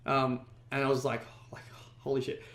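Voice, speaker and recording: A man's voice: mid-range voice, monotone, normal speed, fairly bright tone. Brief: male guest, casual and rambling, curses freely, roomy echoey recording. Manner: rambling, heavy "like" fillers, frequent swearing. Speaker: podcast guest, ecommerce entrepreneur. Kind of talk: casual storytelling interview.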